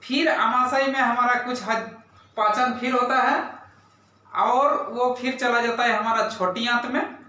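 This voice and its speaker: A man's voice: extremely high pitch, fairly even intonation, a little slow, bright, forceful tone. Male teacher in a very echoey classroom. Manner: asks pupils questions, repeats terms, says "right?" often. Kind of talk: classroom science lesson. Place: classroom, indoors. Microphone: camera far off in the room. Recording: very echoey room, voice from far off.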